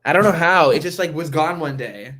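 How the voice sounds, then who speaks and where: A man co-hosting a casual podcast chat, joking and teasing in an animated way. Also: fairly high pitch, brisk. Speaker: podcast co-host.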